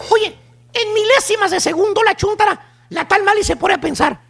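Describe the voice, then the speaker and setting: A man with a Mexican accent rattles off a teasing comedy bit, his voice pitched extremely high and full of gravelly fry. He mocks as he goes, tagging almost every line with "güey". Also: moderate pace, fairly bright tone, faint music behind. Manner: mocking, teasing, peppers lines with "güey". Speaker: comedy segment performer on a morning radio show. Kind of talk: comic monologue with mocking quoted voices.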